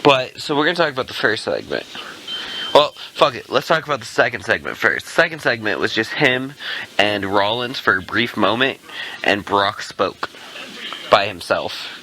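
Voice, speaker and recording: A man co-hosting a casual podcast steers the segments, arguing back quickly with blunt, profane remarks in an animated manner. His voice is on the low side, and the low-quality recording has slight background noise.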